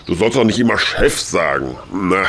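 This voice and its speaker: A man's voice: deep voice, expressive, normal speed, creaky, a bit bright, slight background noise, voice pushed down, full character voice. A man voicing a distant heavenly boss who is weary, sighing and crafty. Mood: wheedling.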